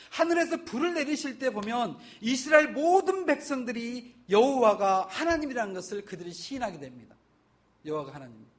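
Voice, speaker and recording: A male pastor giving a Sunday sermon, emphatic, with loud surges that fall into soft, drawn-out endings. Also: high voice.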